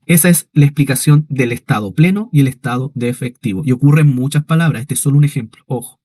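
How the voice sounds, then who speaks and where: A man's voice: medium pitch, fast talker, mellow, no room sound. A man teaching an online Hebrew class, explaining patiently and often checking whether his students follow. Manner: explanatory, checks understanding with frequent "¿ya?".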